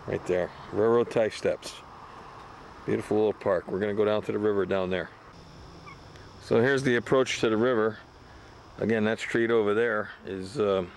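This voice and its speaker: A man's voice: lowish voice, slight background noise. Man narrating a hike outdoors. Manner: relaxed, admiring, pointing things out as he walks. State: out of breath while climbing. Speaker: hiker filming a trail tour. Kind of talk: casual narrated hiking vlog. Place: outdoors on rocky park trails. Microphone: handheld camcorder mic.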